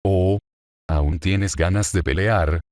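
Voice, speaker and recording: A man's voice: low-pitched, fairly even intonation, takes it slowly, darkish tone, no room sound, studio quality. A mocking female fallen angel, read by a man. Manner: mocking, gloating. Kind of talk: fan story reading.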